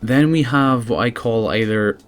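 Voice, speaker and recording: A man's voice: mid-range voice, measured pace, faint music behind. A man giving casual, sardonic, sweary comedic commentary as a video game reviewer.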